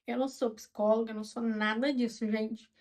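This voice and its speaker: A woman in her twenties with a Brazilian Portuguese accent, chatting calmly and openly to her viewers like a friend. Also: on the high side, brisk. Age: 20s. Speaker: vlogger. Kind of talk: casual chat to camera.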